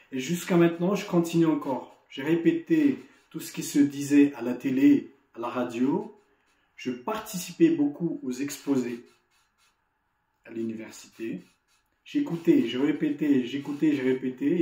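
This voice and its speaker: Man, Malagasy accent, mellow voice, echoey room, motivational talk, video call. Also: medium pitch. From Madagascar. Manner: earnest, encouraging, with frequent restarts and repeated words. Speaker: association delegate giving an opening lesson. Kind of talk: motivational speech to students.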